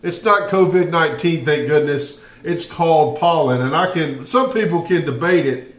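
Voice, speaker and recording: A fairly high, slightly bright male voice with a Southern American accent hosts a casual home barbecue tutorial at normal speed, with a roomy sound. He's a barbecue channel host from the Southern United States, talking directly to viewers in an easygoing, folksy manner, starting in the home kitchen before heading to the outdoor grill area.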